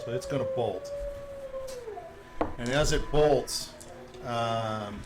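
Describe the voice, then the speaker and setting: A man's voice: mid-range voice, slow. A man working as game master, narrating a tabletop game in a casual, conversational way. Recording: loud background noise, room ambience.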